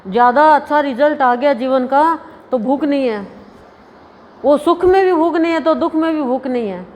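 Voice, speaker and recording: A woman's voice: high-pitched, normal speed, darkish tone. A woman giving a homely devotional discourse at a gathering, chatting and laughing at her own stories. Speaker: spiritual preacher. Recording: reverberant hall, faint ambient noise.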